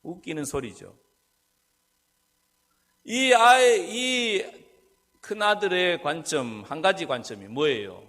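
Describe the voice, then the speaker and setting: A man's voice: on the high side, slow, pauses often. A male pastor preaching a sermon, asking his listeners questions and answering them himself. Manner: rhetorical questions, lively and animated. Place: church sanctuary. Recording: long church hall reverb.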